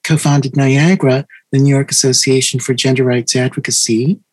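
A middle-aged woman from the US Midwest introducing herself on a panel, listing facts in a measured way with frequent pauses. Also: very deep voice, fairly even intonation, darkish tone, husky, no echo, poor audio.

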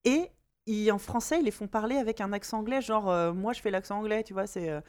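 A woman hosting a casual podcast chat, animated, laughing and breaking into mock voices. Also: mid-range voice, brisk. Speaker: podcast host.

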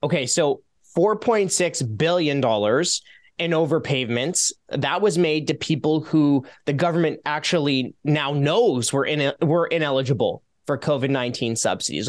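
A Canadian man, a taxpayer advocate guest on a casual radio interview, talking in an animated, sarcastic way as he lists figures. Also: a little high.

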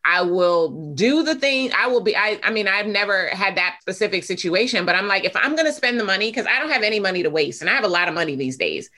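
A woman's voice: mid-range voice, expressive, fast talker, hardly any pauses, bright, forceful tone. A woman in casual conversation about business, talking with emphatic motivational drive.

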